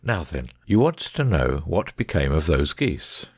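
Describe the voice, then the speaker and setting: A man's voice: very deep voice, big pitch swings, measured pace, a little mellow, husky, no room sound, clean studio sound, full character voice. A man playing a shrewd, commanding, coolly sardonic detective with precise, formal speech in an audiobook dramatic reading. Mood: suave, polite.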